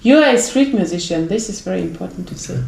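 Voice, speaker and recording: A woman's voice: lowish voice, lively intonation, quick pace, creaky, a little mellow. German-accented woman in an echoey room. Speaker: vlog co-host. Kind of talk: casual vlog chat.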